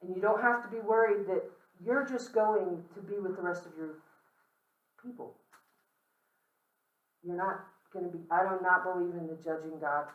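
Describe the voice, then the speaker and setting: A lecturer speaks candidly to a room full of listeners, loose and conversational, tossing in asides and light humor and checking in with "okay?" as they go. The voice sits at an ordinary middle pitch. It is picked up from some distance, so the room's echo rings around every phrase. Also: fairly even intonation, normal speed, long pauses, phone-quality sound. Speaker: guest speaker on death and dying. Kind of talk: informal lecture to a campus audience. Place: large room with an audience. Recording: roomy echo, speaker far from the mic.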